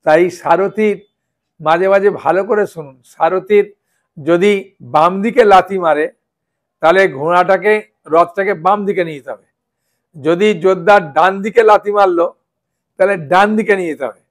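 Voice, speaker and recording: A man's voice: sits high, normal speed, pauses often. A man teaching a scripture class, explaining with stories and checking in with his listeners often. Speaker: Gita teacher.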